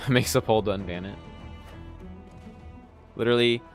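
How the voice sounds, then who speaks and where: Streaming a game, a young Texan with a light accent chats casually with viewers, rambling and using lots of fillers. His voice is on the low side and a little slow, heard over music.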